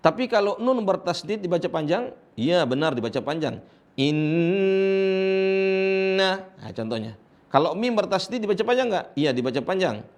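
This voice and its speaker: A man with an Indonesian accent teaching Quran recitation rules, explaining each point and then chanting the verse slowly for students to repeat. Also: high voice, sing-song. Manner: asks and answers his own questions, praising students. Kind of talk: tajwid lesson with recited examples.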